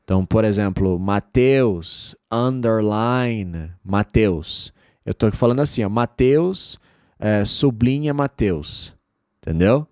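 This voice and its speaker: A man whose first language is Portuguese, teaching English in an online lesson and drawing out model words slowly so that learners can repeat them. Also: fairly low pitch, expressive, warm tone, no room sound, clean studio sound.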